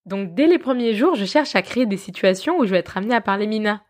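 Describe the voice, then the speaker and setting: A woman hosting a podcast, telling her story in a lively, self-mocking way and often laughing. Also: medium pitch, fast. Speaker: podcast host.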